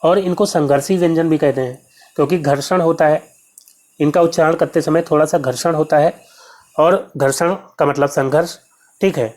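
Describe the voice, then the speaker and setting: A man teaches an exam-prep grammar lesson. He asks a question and answers it himself. He slows down to say each sound clearly so students can copy it. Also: on the high side, fairly even intonation, darkish tone. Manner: explains step by step, asks and answers his own questions; repeats sounds slowly to show pronunciation.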